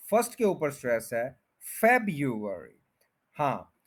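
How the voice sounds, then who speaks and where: Slow, patient male pronunciation teacher. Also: a little high. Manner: breaks words into syllables and repeats them slowly; patient, repetitive drilling. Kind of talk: explanatory language lesson.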